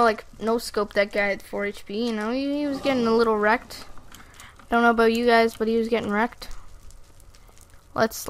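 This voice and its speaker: A woman runs live commentary over her own gameplay, her voice sitting somewhat high. She gets excitable, curses freely and keeps turning to address her viewers directly. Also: clean tone. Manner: excitable, swears freely, talks straight to viewers. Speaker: gaming channel host.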